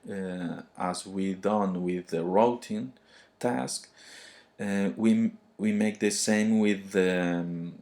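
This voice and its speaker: Slow, halting man with thick foreign accent. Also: on the low side, darkish tone. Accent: thick foreign, non-native English. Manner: halting, hesitant, searching for words. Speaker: programming tutorial presenter. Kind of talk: unscripted screencast tutorial.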